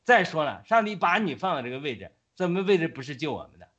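A man's voice: a little high, sing-song, fast, a bit bright, lo-fi sound. A man retelling as an insistent old uncle pleading. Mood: urging.

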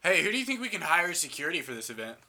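A young man co-hosting a comedy podcast, laughing often and shouting mock commentary. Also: on the high side, big pitch swings, very fast, heavy background noise. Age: young adult. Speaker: podcast co-host.

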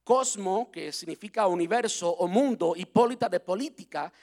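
A man's voice: high-pitched, moderate pace, a little mellow. A man from Cuba who speaks, preaching as a pastor in a chatty, playful way and spelling words out letter by letter. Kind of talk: sermon.

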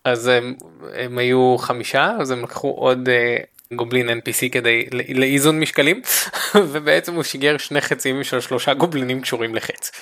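A man co-hosting a casual podcast chat, telling a game story with lots of laughter. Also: mid-range voice. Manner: animated storytelling, laughs often. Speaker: podcast co-host.

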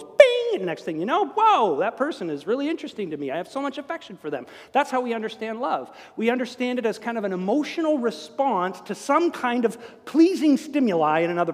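A male pastor preaching a sermon in a church, talking in a conversational, animated way with humorous asides. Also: sits high. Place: church sanctuary. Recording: long church reverb.

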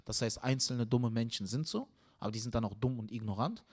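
A young man, a comedian hosting the show, chatting casually and telling a story with animated energy, getting loud when riled. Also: mid-range voice, fairly quick, breathy edge. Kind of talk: casual chat.

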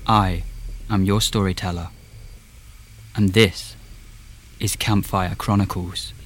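A man playing an ominous campfire storyteller, narrating a horror podcast in a hushed, suspenseful, deliberate way. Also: sits low, steady tone, noisy background. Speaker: storyteller host. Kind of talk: scripted horror podcast introduction.

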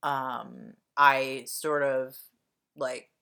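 A woman with a softened Delaware County accent chatting casually, rambling with many fillers. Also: a bass voice, little pitch movement, very slow, creaky, smooth. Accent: Delaware County, Pennsylvania, softened. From Delaware County, Pennsylvania. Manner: rambling, full of "like" and "um". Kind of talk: casual chat.

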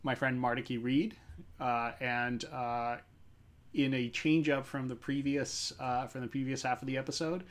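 A man's voice: mid-range voice, fairly even intonation, a little slow. A middle-aged man hosting a casual podcast chat, hesitant, with lots of "uh" and restarts. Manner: hesitant, many fillers and restarts. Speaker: podcast host.

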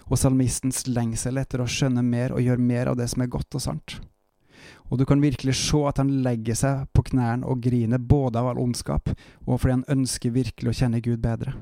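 Calm Norwegian man reading scripture. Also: medium pitch, gravelly, no echo, clean studio sound. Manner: calm, measured reading with short reflective asides. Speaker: Bible reader and preacher. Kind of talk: Bible reading with devotional commentary.

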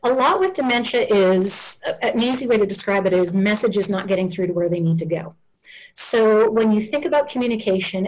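In an interview, a woman speaks earnestly at an ordinary middle pitch, explaining things patiently and step by step. The recording is rough.

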